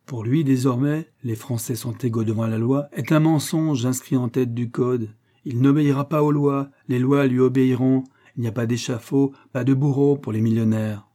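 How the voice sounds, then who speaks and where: A man reading the part of a boastful, grandiose rich banker toasting gold in an audiobook, declaiming loudly. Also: mid-range voice, steady tone, moderate pace, hardly any pauses, natural voice.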